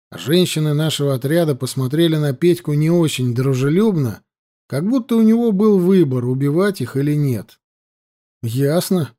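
Male narrator reading a fantasy audiobook, steady, warm slightly high voice. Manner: steady storytelling.

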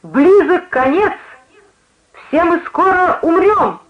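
A fervent woman street preacher, shrill and exalted, crying out her warnings high and loud as a reader acts her out. The sound is muffled and lo-fi. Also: expressive, unhurried. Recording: muffled lo-fi recording.

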